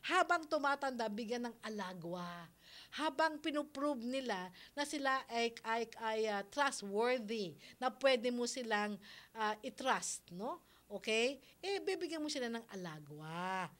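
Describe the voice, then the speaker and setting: Middle-aged woman, radio advice host, slightly high voice, chatty and quick to laugh, studio mic. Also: lively intonation, bright, forceful tone. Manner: chatty, mixes English phrases into Tagalog, laughs easily. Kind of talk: radio advice talk on parenting.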